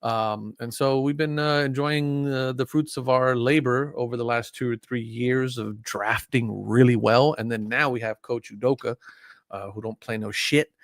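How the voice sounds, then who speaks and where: A man's voice: medium pitch, fairly even intonation, moderate pace, no echo. Casual stream host: man, early forties, loose rambling delivery, dry close sound. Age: 40s. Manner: rambling, frequent fillers and restarts. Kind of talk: casual live stream chat.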